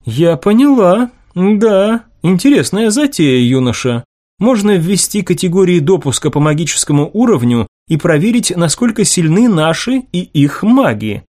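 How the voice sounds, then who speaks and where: A man's voice: sits high, sing-song, a little mellow, pitched above the performer's own voice. A man voicing a commanding noblewoman general, imperious and teasing in the audiobook. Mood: pleased. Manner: condescending, teasing, brisk.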